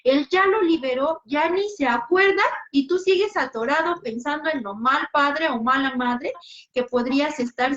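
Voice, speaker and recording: Brief: high-pitched woman host, direct parenting advice, dull lo-fi audio. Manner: direct, animated, playfully acts out scenes. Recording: dull lo-fi sound.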